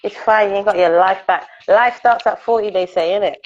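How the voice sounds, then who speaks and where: A woman's voice: mid-range voice, normal speed, lo-fi sound. A woman, hosting a chatty interview over a video call, laughing often. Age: 30s. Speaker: interview host.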